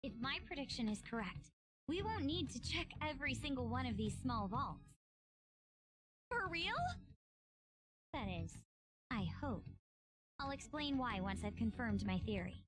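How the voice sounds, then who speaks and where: A woman's voice: high voice, expressive, a little slow, pauses often. An actress voicing a determined young woman on a heist team, speaking earnestly and analytically. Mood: puzzled, analytical. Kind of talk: video game voice acting. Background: game music.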